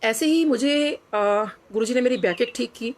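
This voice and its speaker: A woman's voice: fairly high pitch, normal speed. A middle-aged woman, earnestly sharing a personal devotional story and slipping English phrases into her speech. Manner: earnest, reflective, drops into quoted dialogue, mixes in English phrases.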